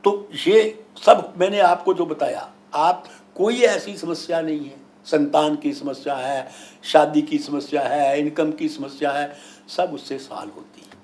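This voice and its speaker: Male spiritual teacher, slightly high voice, explaining and storytelling emphatically, repeating points for effect. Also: steady tone, a little slow, darkish tone. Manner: emphatic, didactic, rhetorical questions and repetition. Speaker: guru and astrologer being interviewed. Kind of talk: spiritual discourse with anecdotes and explanations.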